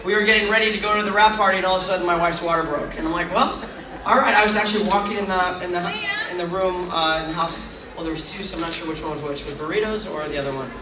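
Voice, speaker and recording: In an echoey, noisy recording captured from a distance in a large convention hall, a middle-aged man with a high voice and steady tone talks at a quick pace. He's answering fan questions on a panel, rambling casually and tossing in self-mocking remarks.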